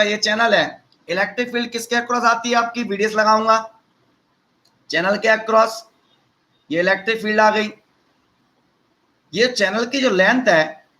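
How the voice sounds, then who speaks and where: Man, teacher, high voice, chatty and teasing, online lecture. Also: pushed and bright, low-quality recording. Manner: chatty, teasing asides to students.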